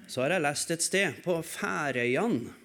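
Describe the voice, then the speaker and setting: A man preaching a sermon in a church service, asking rhetorical questions and swinging between raised calls and quiet, low passages. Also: lively intonation. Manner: emphatic, asks rhetorical questions and answers them.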